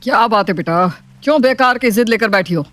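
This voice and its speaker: A woman voicing a strict, proud, wealthy middle-aged father in an animated storybook, scolding and commanding. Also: a little high, brisk, close to an everyday voice. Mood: lecturing.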